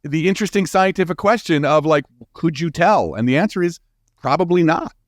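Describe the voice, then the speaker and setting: As a scientist being interviewed, this slightly high-voiced man explains things informally and with animation, stumbling into restarts and saying "you know" frequently. It's a studio-quality recording without room sound.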